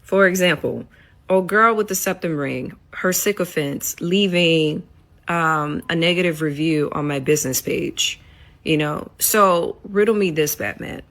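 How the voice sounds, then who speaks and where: A woman giving argumentative social media commentary in a deliberate way, posing rhetorical questions. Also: deep voice, fairly bright tone. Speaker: business owner.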